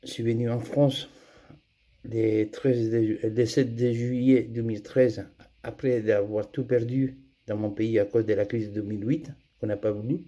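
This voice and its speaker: A man's voice: on the low side, fairly even intonation, moderate pace, dark tone. A middle-aged man from Andalusia with a Spanish accent, speaking French as a second language and giving a personal testimony, hesitant with many fillers and restarts. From Andalusia, Spain. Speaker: testimony giver.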